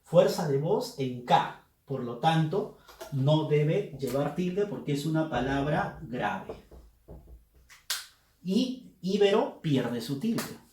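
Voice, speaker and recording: A man giving a Spanish spelling lesson, speaking slowly and with emphasis, like a teacher addressing his students. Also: on the high side, animated, a little mellow. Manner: slow, emphatic teaching delivery. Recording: echoey room.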